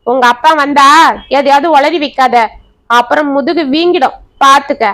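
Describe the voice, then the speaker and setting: A woman's voice: sits high, flat delivery, a little fast, fairly bright tone. A woman voicing a harsh mother who scolds and threatens her young daughter. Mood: scolding.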